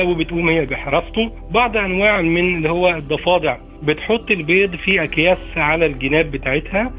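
An Egyptian man explaining informally as an expert, halting often over filler phrases. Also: a little high. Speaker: expert interviewee. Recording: narrow, phone-like sound. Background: faint music.

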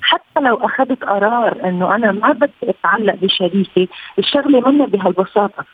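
Woman, Lebanese accent, husky voice, low-quality remote stream, thin phone-like sound, measured explaining. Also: lively intonation, dry recording. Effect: low quality remote audio stream. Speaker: psychoanalyst and family counselor guest. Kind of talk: explanatory interview answers. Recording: tinny phone-like remote line.

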